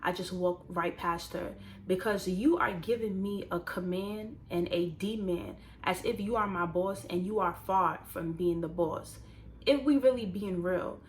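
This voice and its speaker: A woman in her twenties, casually telling a personal story to viewers and turning it into motivational advice, animated and talking straight to the audience. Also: lowish voice, measured pace, a little hiss or hum. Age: 20s. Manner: animated, conversational, addresses viewers directly. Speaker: vlogger.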